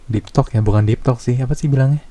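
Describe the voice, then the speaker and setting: A young man with a Jakarta slang accent hosting a casual podcast chat, relaxed and searching for his words. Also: medium pitch, fast talker. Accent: Jakarta slang Indonesian. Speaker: podcast host.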